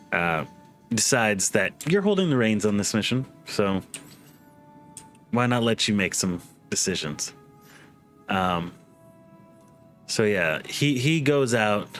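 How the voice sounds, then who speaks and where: A man running a tabletop game as game master, narrating in a halting way with restarts and fillers. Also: mid-range voice, a bit bright.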